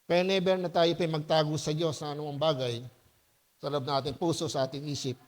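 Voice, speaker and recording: A man preaching a sermon as pastor in a loose, conversational way, often asking the congregation questions and laughing as he tells stories. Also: fairly quick. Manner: lively, with high-pitched voiced quotes and laughter.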